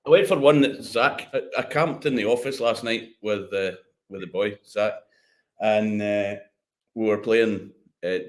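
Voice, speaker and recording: Male, middle-aged, broad northeast Scottish Doric, slightly low register, informal guest conversation. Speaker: interview guest, whisky maker. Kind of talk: casual chat.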